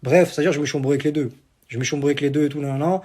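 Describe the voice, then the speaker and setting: A young Algerian social media personality rants boastfully in a casual phone-recorded vlog, repeating himself and swearing on the Quran over and over. His voice is a little high and darkish, with a steady tone and a very fast pace.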